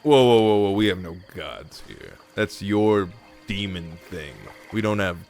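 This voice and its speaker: A man's voice: sits low, lively intonation, measured pace. A man playing a cocky, self-righteous male captor who questions prisoners in a tabletop game, with music behind him. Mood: indignant, righteous. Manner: interrogating, defensive, self-righteous.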